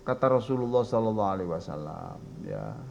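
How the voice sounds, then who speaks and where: An older man with a Javanese accent preaching a lively sermon, often addressing his listeners directly and acting out voices. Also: fairly low pitch, brisk, vocal fry, muffled recording, slight background noise. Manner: lively, addresses audience as "Pak", acts out voices.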